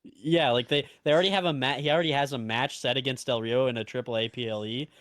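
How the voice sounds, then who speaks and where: A man's voice: mid-range voice, steady tone, fast talker, a bit bright, dry recording. Chuckling young man, dry close sound. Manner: laughs through his points, chatty. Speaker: podcast co-host. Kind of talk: casual chat.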